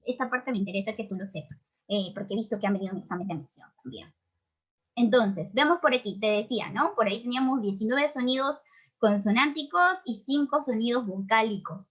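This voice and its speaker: A woman with a Peruvian accent teaches a grammar lesson in a fairly high voice. She explains step by step, often pausing to check that the listener is following. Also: a bit bright. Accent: Peruvian Spanish. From Peru. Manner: explains patiently with many tag questions.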